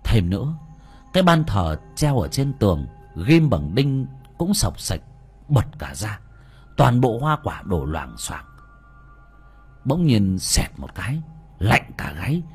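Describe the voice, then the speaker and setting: A man narrating a ghost story in a dramatic, animated way. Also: medium pitch, unhurried, slightly rough, soft background music.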